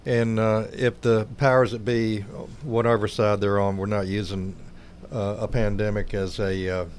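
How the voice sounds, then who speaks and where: A man co-hosting a casual podcast, talking reflectively with many pauses and fillers. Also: lowish voice, level tone, darkish tone, slight background noise. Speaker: podcast co-host.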